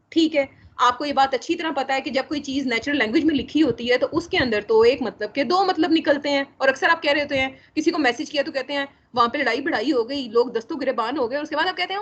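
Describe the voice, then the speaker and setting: A woman teaching a casual lecture, often filling pauses with a repeated tag phrase and mixing in English terms. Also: high-pitched, fairly bright tone. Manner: frequent filler "jo hai na", mixing English terms. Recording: muffled lo-fi voice recording.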